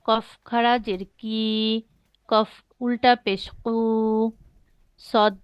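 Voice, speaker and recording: A woman's voice: a little high, fairly even intonation, drawn-out words, clear, resonant tone, no room sound, highs cut off. A woman student reciting letters back to her teacher in a live online class, careful and a little hesitant. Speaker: adult student.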